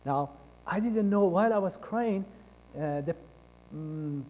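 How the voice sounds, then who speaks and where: High-voiced man, in a reverberant hall. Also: animated, takes it slowly, dull audio. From Iran. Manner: acts out quoted dialogue, shifting between loud and hushed. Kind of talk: personal testimony storytelling. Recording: long reverb of a large hall.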